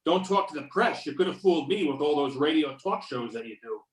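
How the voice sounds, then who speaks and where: In an amateur readers-theater piece, a man plays a sardonic, confident FBI agent who fires off pointed, needling questions in a stern mood. His fairly high voice moves quickly with lively intonation and sounds natural. It comes through a videoconference or conference-call mic, distant and roomy with echo.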